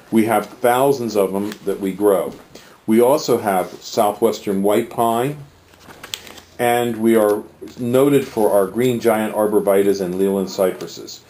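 A man's voice: fairly low pitch, warm tone, slight background noise. A man narrating a promotion for his tree nursery, reading through a long list of plants.

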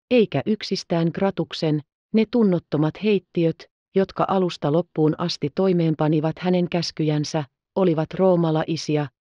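Proud, bitter old merchant father, read by a woman, low mellow tone, dry dull audiobook sound. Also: no room sound, lightly acted.

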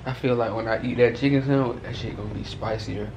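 A man's voice: medium pitch, fairly even intonation, fast talker, roomy sound, dull audio. A man in his twenties vlogging casually on a handheld camera, slangy and swearing, groaning with his mouth burning from spicy food. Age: 20s. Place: small hotel room and bathroom, indoors. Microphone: handheld camera at arm's length. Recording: noisy handheld camera in a room.

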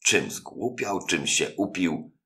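A man's voice: a bass voice, animated, normal speed, gravelly, a bit bright, exaggerated voice. A man voicing a bald, hot-tempered older Italian innkeeper who blusters in comic fury. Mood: furious.

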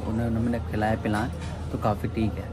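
एक युवक अपने रोज़ाना के व्लॉग में बात करता है। वह बातूनी है और दर्शकों को बार-बार भाई कहकर पुकारता है।. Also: male voice, fairly low pitch, monotone, fast. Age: young adult. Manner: chatty, keeps calling viewers brother. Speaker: vlogger. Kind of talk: casual daily vlog. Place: rooftop outdoors and small home room. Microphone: handheld phone camera at arm's length.

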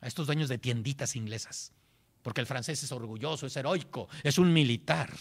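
A man giving a history lecture, animated, checking in with "¿sí?" and often repeating words as he searches for the next one. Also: medium pitch, fairly quick. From Mexico. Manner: animated, frequent "¿sí?" check-ins, acts out historical voices. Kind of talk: classroom lecture.

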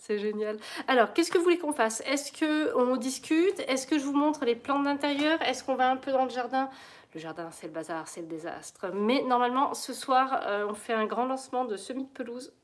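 A woman's voice: sits high, lively intonation, normal speed. Bubbly chatty woman on a live stream. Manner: chatty, bubbly, laughs often, reads and greets viewer comments. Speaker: plant vlogger hosting a live stream. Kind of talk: casual live-stream chat.

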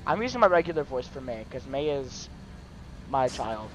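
A man playing a game with casual, playful, excitable commentary. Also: medium pitch, normal speed, muffled recording, slight background noise. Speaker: gamer playing and voicing game dialogue. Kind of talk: casual let's play chat.

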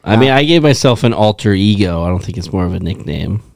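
A man's voice: lowish voice, lively intonation, fast talker, creaky, a little mellow, no echo, studio quality. A man co-hosting a podcast, talking bluntly and cursing in casual banter. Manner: blunt, profane, riled up. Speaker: podcast co-host.

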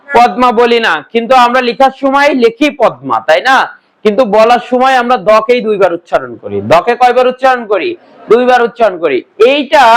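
A man's voice: extremely high pitch, poor audio. A man teaching a grammar class as a patient lecture, who quizzes his students and repeats each answer himself. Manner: patient step-by-step explaining.

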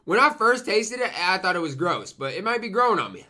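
A young man gives a very animated, casual food review to camera, his high-pitched voice sharp in tone and a little fast. Mouth full at times, he murmurs approving "mm"s and leans on repetition for emphasis. He's in a small room at home.

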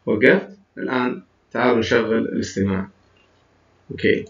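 A man's voice: fairly low pitch, fairly even intonation, normal speed, recorded from a distance. A man teaching an English lesson, explaining in a mix of Arabic and English and counting his students in. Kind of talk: recorded classroom lesson. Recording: dull, roomy sound from off-mic.

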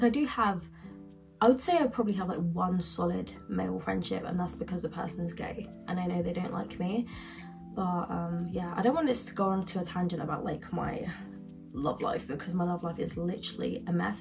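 Young woman, medium pitch with vocal fry, rambling casual storytime chat. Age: young adult. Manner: rambling, heavy use of "like". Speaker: vlogger.

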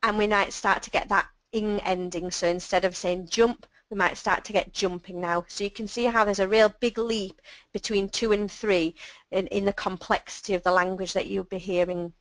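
A woman presenting a webinar on child speech and language, explaining patiently and clearly with simple examples. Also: mid-range voice, fairly even intonation, moderate pace, fairly bright tone, dry recording, low-quality recording.

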